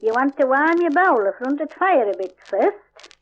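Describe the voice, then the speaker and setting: A woman's voice: sits high, sing-song, normal speed. An older woman with a broad, old-fashioned Yorkshire accent, explaining step by step in homely, informal dialect. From Yorkshire, England. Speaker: home baker, dialect speaker. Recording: dull lo-fi 1950s archive recording.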